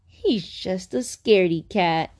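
A woman's voice: fairly low pitch, takes it slowly, a little mellow, voice pushed down. A woman voicing a group of mean, cheeky monkeys in a storybook reading, teasing and mocking.

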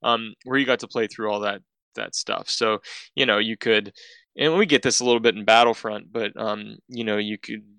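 A man's voice: fairly low pitch, fairly even intonation, moderate pace, creaky, bright, forceful tone, no room sound. A man co-hosting a podcast, chatting in an easygoing way with stammering restarts. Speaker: podcast co-host. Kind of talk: casual chat.

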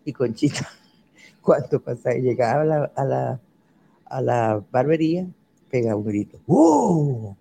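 A man reminisces about his school days in a mellow, dark voice. He repeats words as he searches his memory. A faint hiss of noise sits under the recording. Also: mid-range voice, unhurried, gravelly, pauses often.

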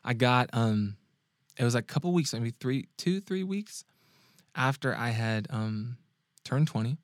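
A man hosting a podcast, telling a personal story in a casual, animated way, laughing often and restarting his sentences. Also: mid-range voice, measured pace, no echo, clean studio sound. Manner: animated, laughs often, frequent restarts and check-ins with the listener. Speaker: podcast host and dating coach.

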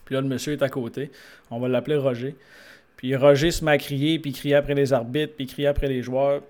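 A man's voice: mid-range voice, brisk. A man with a Québécois accent, a sports coach telling anecdotes in a conversation and acting out the people in them. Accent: Québécois French. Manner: lively storyteller who acts out the people in his stories. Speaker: sports coach and guest speaker.

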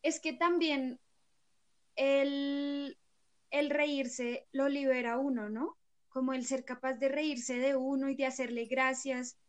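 A woman, co-hosting a casual chat and asking lively, curious questions. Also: high-pitched, slow pace.

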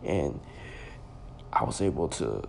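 A man's voice: a bass voice, big pitch swings, slow, creaky, a little hiss or hum. A young man in his twenties, a podcast host, telling a personal story in a loose, rambling way full of "like" and restarts. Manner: rambling, heavy use of "like" and restarts.

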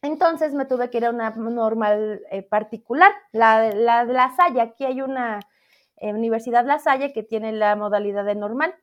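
A woman, a math teacher, chatting in an interview about her career path in a lively, self-deprecating way. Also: fairly high pitch, moderate pace. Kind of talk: casual interview chat. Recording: slightly dull lo-fi audio.

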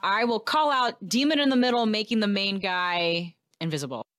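A woman's voice: medium pitch, moderate pace, a bit bright, dry recording, clean studio sound. A woman chatting casually as a player in a tabletop game, thinking aloud and asking questions in a tentative way.

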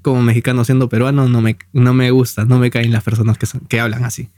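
A man's voice: mid-range voice, flat delivery, fast, a little mellow, dry recording. Opinionated Peruvian man, dry close sound. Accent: Peruvian Spanish. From Peru. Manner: opinionated, restarts phrases often. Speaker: podcast co-host. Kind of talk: casual chat.

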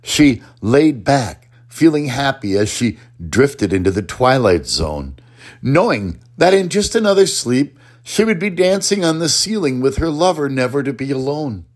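A man performing a rhyming spoken-word poem in a slow, rhythmic delivery. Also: medium pitch, big pitch swings. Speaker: poet. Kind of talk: spoken-word poetry recitation.

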